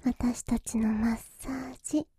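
A teasing young masseuse, voiced by a woman, whispers close and slow in a high, mellow voice. She coaxes gently and giggles, and her words drift out unhurried in an intimate ASMR roleplay. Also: level tone, dry recording. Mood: coaxing whisper. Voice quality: soft breathy whisper. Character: teasing young female masseuse tending a hero.

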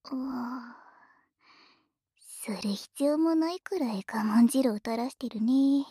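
Woman doing a teasing magic wife, whispery and mellow, slow, super dry close mic. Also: on the high side, breathy edge, no echo, exaggerated voice. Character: teasing young wife who uses magic. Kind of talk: whispered ASMR roleplay.

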